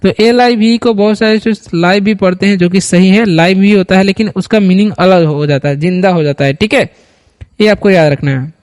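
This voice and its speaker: A man, teaching English reading, slowly reading words aloud for students to repeat. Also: high voice, darkish tone. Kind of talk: Hindi-medium reading lesson. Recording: long hall reverb.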